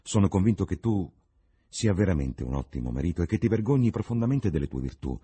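A man's voice: sits low, big pitch swings, quick pace, dark tone, slightly rough, pitched above the performer's own voice, exaggerated voice. A man voicing an earnest, secretive young painter in a read-aloud novel.

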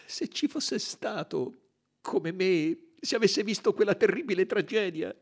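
A distraught nanny cries in a very high, sobbing voice, as a man puts her on in an audiobook. The tone is husky and wavers widely. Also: animated, a little slow, heavily acted. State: crying. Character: weeping Swedish nanny, woman.

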